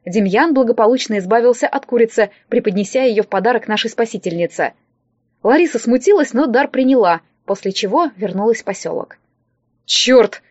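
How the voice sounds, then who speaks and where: A woman telling a first-person audiobook story in a lively, playful way. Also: on the high side, fairly quick, no echo. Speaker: audiobook narrator. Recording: dry, slightly dull audio.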